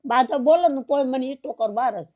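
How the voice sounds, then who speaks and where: Crying older woman, high voice. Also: normal speed, a little mellow. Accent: rural Saurashtra Gujarati. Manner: grieving, repeats "what can I do?". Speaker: interviewee. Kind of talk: tearful personal account.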